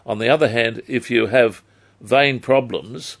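An Australian man giving health advice on a live phone-in, measured and formally worded. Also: medium pitch, gravelly. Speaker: health advice expert on radio.

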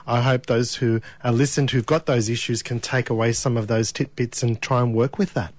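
A man's voice: medium pitch, steady tone, moderate pace, darkish tone. A man co-hosting a casual radio chat, friendly as he wraps up a call. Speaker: radio co-host.

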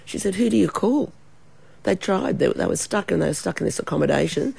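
Croaky, husky Australian woman with a cold. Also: fairly low pitch, animated, brisk, darkish tone. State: hoarse from a cold and sore throat. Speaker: travel expert guest. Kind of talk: chatty radio interview.

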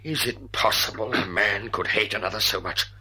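A man's voice: lowish voice, normal speed, sharp tone. An actor playing an embittered, tormented father in a radio drama, speaking and narrating with grave, dramatic intensity. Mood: agitated, tormented. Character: embittered, tormented father haunted by a blood feud.

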